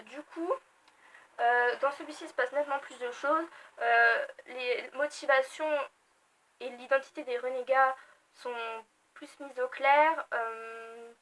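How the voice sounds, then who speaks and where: A young French woman casually reviewing books she read, chatty and animated, with self-mocking asides and frequent fillers. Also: high-pitched, rough recording. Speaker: book vlogger. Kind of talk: casual book review vlog.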